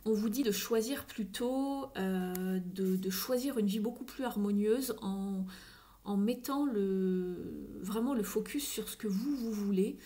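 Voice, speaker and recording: A woman giving a casual tarot reading, thinking aloud with frequent fillers and slipping into soft whispery asides. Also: medium pitch, measured pace. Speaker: tarot reader.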